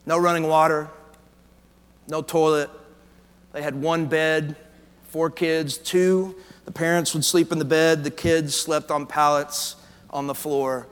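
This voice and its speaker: A man's voice: a little high, steady tone, slow, smooth. A man, a pastor, telling stories in a casual way during a sermon and interviewing a guest on stage. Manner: casual, storytelling delivery. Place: large church auditorium. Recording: long hall reverb.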